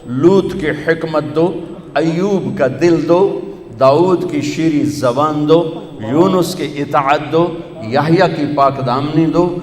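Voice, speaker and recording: A man's voice: on the high side, a little mellow. A male preacher delivers a sermon with rhythmic, emphatic lists that rise in repetition. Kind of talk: Urdu sermon. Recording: echoey hall with long reverb.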